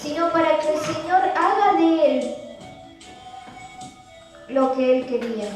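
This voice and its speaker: A woman's voice: sits high, animated, slow pace, a little mellow. A woman with a Rioplatense Argentine accent preaching a sermon to a youth group, reading scripture and asking the listeners rhetorical questions in an earnest way. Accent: Rioplatense Spanish. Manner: earnest, rhetorical, reads scripture aloud then explains. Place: church hall. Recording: echoey hall from far off, music behind.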